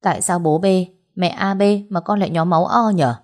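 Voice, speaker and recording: A woman reading as a brisk hospital doctor. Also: medium pitch, close to an everyday voice.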